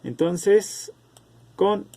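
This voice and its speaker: A man teaching an online class over a video call, explaining slowly and calling on students by name. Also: sits high, lively intonation, creaky, a little mellow.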